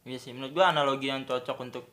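A man's voice: medium pitch, fairly even intonation, racing, sharp tone. A man with an ordinary mid-range voice sits in on a casual chat and chimes in with dry, crude quips. He speaks plainly, with no strong color to his tone. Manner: quips dryly, crude jokes. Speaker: podcast co-host.

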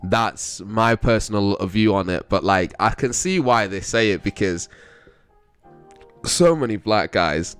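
A man's voice: on the low side, expressive, unhurried, fairly bright tone, clean tone, soft background music. A young man with a London accent chatting casually as a vlogger, rambling and slangy. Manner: rambling, slangy, often breaks into chuckles. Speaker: vlogger giving commentary. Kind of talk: casual chat.

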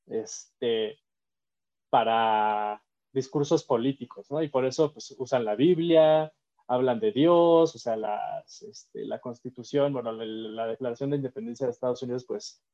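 A man, co-hosting a casual political podcast, explaining ideas slowly with many fillers and restarts. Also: mid-range voice, warm tone, lo-fi sound. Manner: thoughtful, hesitant, many fillers. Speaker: podcast co-host.

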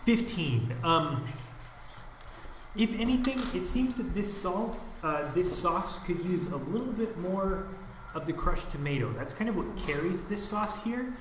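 Dm guy, calm and measured, slightly high voice, echoey room. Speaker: game master. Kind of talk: narrating a tabletop game. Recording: echoey room with faint noise.

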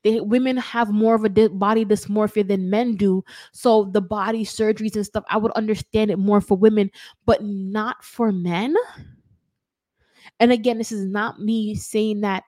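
A woman's voice: medium pitch, fairly even intonation, normal speed, darkish tone, no echo. Chatty Jamaican woman host, dry sound. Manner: chatty, hedging, self-correcting. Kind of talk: casual commentary.

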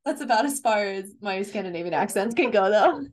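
A woman co-hosting a podcast in casual chat, playful with quick reactions. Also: medium pitch, animated. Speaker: podcast co-host.

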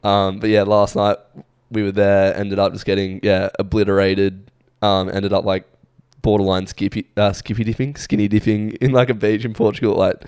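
Young Aussie bloke, podcast host, rambling casual storyteller, smooth low voice, dry sound. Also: male voice, flat delivery, normal speed, a little mellow, no room sound. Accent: Australian. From Australia. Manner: laid-back, rambling storytelling with many fillers. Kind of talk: casual chat.

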